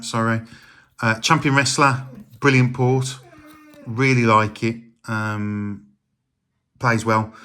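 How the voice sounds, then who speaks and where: Middle-aged man, slightly low register, casual rambling vlog delivery, plenty of filler words. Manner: relaxed, rambling, many ums and uhs. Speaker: retro game collector.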